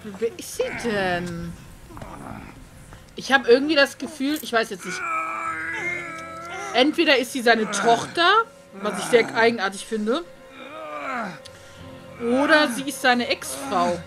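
A woman's voice: fairly high pitch, expressive, measured pace, long pauses, music in the background. A woman giving casual gameplay commentary as a let's play host, chatty and musing aloud.

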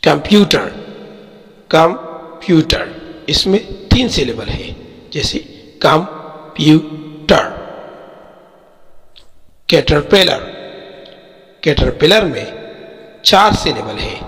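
A man with a Pakistani accent teaching a school textbook lesson, explaining slowly, word by word. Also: on the high side, very animated, gravelly, bright, forceful tone, long reverb tail, poor audio. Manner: slow, drawn-out word-by-word explanation.

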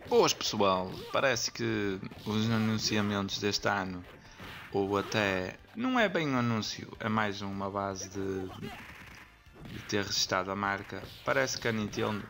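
A man's voice: lowish voice, animated, measured pace, vocal fry. A man with a European Portuguese accent giving casual gaming news commentary as a channel host, informal and stumbling over names. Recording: loud game music behind voice. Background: video game music.

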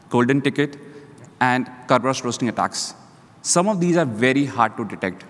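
On stage at a conference, a panelist who is a security leader gives an orderly, list-style talk into a lapel mic. His voice is medium-pitched and a bit bright, heard in a reverberant hall.

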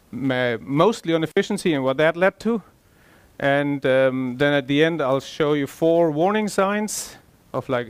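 A man's voice: a little high, dry recording. A middle-aged man from Denmark, an agile coach, speaking on a conference stage in a conversational way with fillers and restarts. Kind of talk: conference talk. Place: large conference hall stage.

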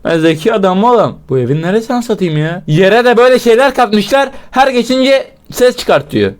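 Young male gaming YouTuber, high-pitched voice, foul-mouthed running commentary, yelps in fright, talks back at the game. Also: expressive, fairly quick. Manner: profane, shouts in fright, swears at the game. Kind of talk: casual let's-play commentary.

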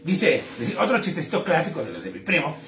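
A man's voice: fairly high pitch, big pitch swings, quick pace, fairly bright tone, reverberant, soft background music. A man with a Mexican accent telling crude jokes on a live stream, chatting with viewers in slang.

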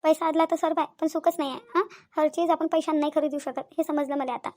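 A woman's voice: high voice, steady tone, fast talker, darkish tone, natural voice. A woman voicing a tearful young married wife in a cartoon, pleading and sobbing, with a Vidarbha Marathi accent. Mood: sorrowful. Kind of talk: cartoon voice acting.

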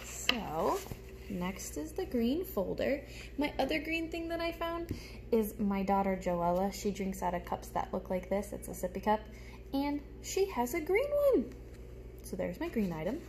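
A young woman talks like a teacher to little children, explaining each item in simple, expressive phrases for show-and-tell. Her medium-pitched voice moves at a measured pace with some vocal fry. She records on a phone held close in front of her in a small room at home, with light background noise.

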